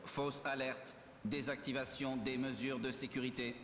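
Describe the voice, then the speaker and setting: A man's voice: medium pitch, little pitch movement, normal speed, slight background noise, lightly acted. A man voicing a stern male security robot in a video game, giving clipped alarm announcements. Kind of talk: video game character lines. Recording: echoey hall sound under loud game music. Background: game music.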